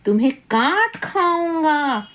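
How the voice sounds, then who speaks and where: A woman's voice: sits high, sing-song, slow, fairly bright tone, exaggerated voice. A woman voicing a bossy, selfish male bumblebee in a children's story, demanding and threatening.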